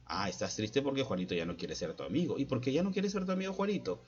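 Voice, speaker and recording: A man voicing a patient mother who calmly questions her young son. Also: medium pitch, fast talker, highs cut off, lightly acted. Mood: gently questioning. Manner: calm, questioning.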